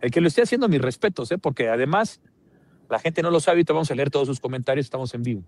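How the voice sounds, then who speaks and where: Animated Mexican man hosting sports talk. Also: mid-range voice, fast talker. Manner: animated, joking, many filler restarts. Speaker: sports show host. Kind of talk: live sports talk show banter.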